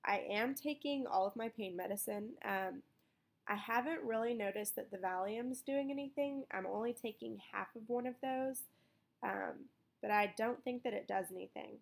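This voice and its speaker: A woman's voice: on the high side, moderate pace, vocal fry. A young adult woman talking in a casual, rambling vlog style, informal and full of "like" asides. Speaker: vlogger recovering from surgery.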